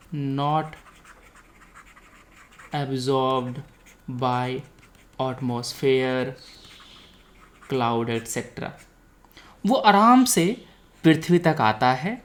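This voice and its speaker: Speaking in a low voice with very lively intonation, a woman with an Indian accent, an exam coaching instructor, explains material step by step. She goes slowly, repeats key points, and pauses to check whether it is clear.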